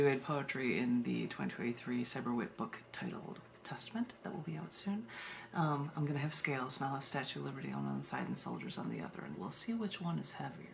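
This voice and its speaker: Here a woman from the United States runs a live poetry reading online, reading poems and chatting casually with those watching. Her voice is very deep and full of vocal fry, heard over a noisy live stream.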